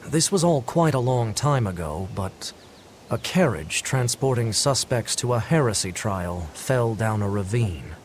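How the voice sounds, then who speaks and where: A man's voice: medium pitch, animated, unhurried, slight background noise, lightly acted. An actor playing an earnest townsman in a video game, speaking in a conversational storytelling manner. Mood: somber, matter-of-fact. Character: earnest male townsman recounting grim local news.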